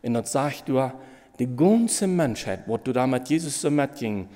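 A man preaching a sermon in with a Low tinge, halting and emotional, repeating phrases as he goes. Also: expressive, warm tone, long reverb tail.

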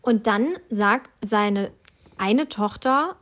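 A young woman co-hosting a casual podcast, telling stories in animated quick bursts with frequent laughter. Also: mid-range voice. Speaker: podcast co-host. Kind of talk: casual chat.

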